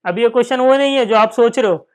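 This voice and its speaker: This man, a finance lecturer with an Indian accent, speaks fast in a very high, smooth voice. Teaching in Hindi and English, he fields questions he raises himself, repeats the key ideas, and voices students' questions as little dialogues.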